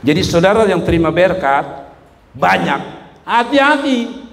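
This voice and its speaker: A man preaching a lively sermon, telling humorous stories and shouting at his peaks. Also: fairly high pitch, moderate pace. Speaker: pastor. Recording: echoey hall with faint room noise.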